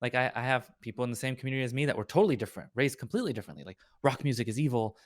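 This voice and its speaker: A man's voice: mid-range voice, lively intonation, racing, no room sound. Young guy, podcast guest, loose rambling chat, lots of "like", bounces into quoted voices, dead-dry close mic. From Orange County, California. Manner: rambling, heavy use of "like" and "right?"; acts out other people's voices in quotes. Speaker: guest, lawyer and streamer.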